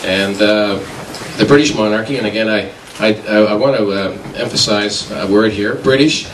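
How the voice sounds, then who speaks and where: A man getting over the flu, giving a halting debate speech full of filler sounds, picked up by a distant mic in an echoey hall. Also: fairly low pitch, fairly even intonation, a bit bright, slight background noise. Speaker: debater for a republic.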